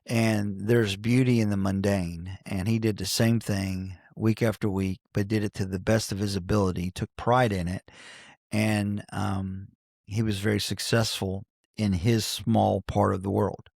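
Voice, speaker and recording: A man's voice: fairly low pitch, level tone, a little slow, gravelly, darkish tone, no echo, clean studio sound. A man in his forties from Cincinnati, a coach who is a podcast guest, telling stories in an earnest, folksy way with many restarts. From Cincinnati, Ohio, United States. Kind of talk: reflective conversational storytelling. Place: podcast studio.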